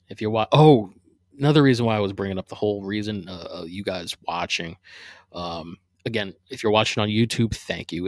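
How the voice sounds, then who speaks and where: A man with a fairly low voice hosts a casual solo podcast from his living room. He rambles along with plenty of ums and false starts. The sound is dry and close, with no room echo. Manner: rambling, many fillers and restarts. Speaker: podcast host.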